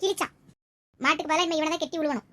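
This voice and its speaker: A woman voicing a kind but blunt young village wife who talks in a lively way. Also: high voice, racing. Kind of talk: village comedy skit acting.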